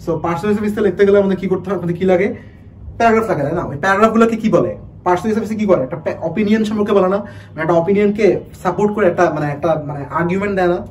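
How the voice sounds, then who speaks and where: Fast-talking man teacher. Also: high voice, a little mellow, far from the mic, rough recording. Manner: rapid, restarts often, asks the students rhetorical questions. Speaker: admission test English teacher. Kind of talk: online class lecture.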